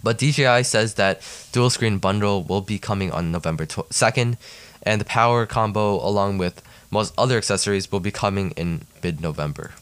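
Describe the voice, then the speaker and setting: A man's voice: lowish voice, moderate pace, clear, resonant tone, dry recording. A young man hosting a solo tech news podcast, reading stories with frequent ums and restarts. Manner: reads news with many fillers and restarts. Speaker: podcast host.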